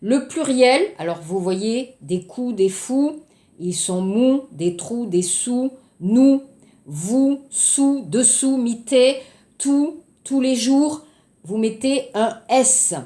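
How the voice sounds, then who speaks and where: Slow-paced woman teaching French. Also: a little high, dark tone, roomy sound. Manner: slow, explaining word by word. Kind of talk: recorded language lesson.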